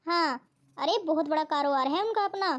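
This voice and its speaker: A woman's voice: high-pitched, moderate pace, lightly acted. A woman voicing Motka, a kind cheerful cartoon bride. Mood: reassuring. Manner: friendly, reassuring. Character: kind cheerful young bride, generous friend. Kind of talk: cartoon voice acting.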